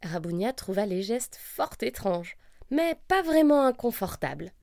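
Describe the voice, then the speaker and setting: A woman narrating a children's story, expressive and lively. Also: mid-range voice, unhurried, creaky, dry recording, studio quality. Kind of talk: storybook reading.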